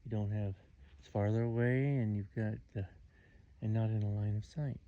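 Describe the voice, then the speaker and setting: A man chatting with his hiking companion outdoors on a mountain hillside, offering brief, halting replies. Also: on the low side, fairly even intonation, mellow, dull audio. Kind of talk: casual chat outdoors.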